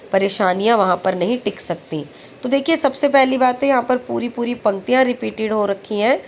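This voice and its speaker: A woman teaching exam-prep lessons who recites verse slowly and then explains each question step by step. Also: mid-range voice, slight background noise.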